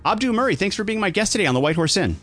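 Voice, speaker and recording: A man's voice: high-pitched, sing-song, very fast, fairly bright tone. A man hosting a radio talk show, reading a polished introduction and asking interview questions. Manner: smooth, announcer-like delivery.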